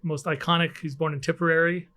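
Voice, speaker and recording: A man's voice: fairly high pitch, level tone, fast, pushed and bright. A middle-aged man from Canada, a guest scientist talking casually in an interview, hesitant with many fillers and restarts, recorded in an office. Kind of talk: conversational interview. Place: office with air conditioning hum.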